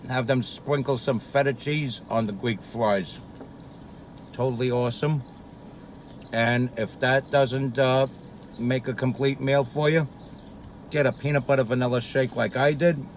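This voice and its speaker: A New man talks slowly with his mouth full, drifting between thoughts in an unhurried, meandering way. His speech is salted with swearing and drawn-out "uh"s and "um"s. Faint traffic hums somewhere behind him. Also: medium pitch, fairly even intonation, rough recording. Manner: profane, meandering, hesitant fillers. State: eating while talking. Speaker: vlogger. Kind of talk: rambling casual monologue. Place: street near a Brooklyn diner.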